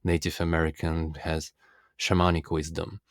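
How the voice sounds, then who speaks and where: Earnest and deliberate, a Russian-speaking self-development coach delivers a philosophical self-help monologue in a very low, creaky voice. His tone stays level with little melodic movement, and the sound is dry and close with no room sound.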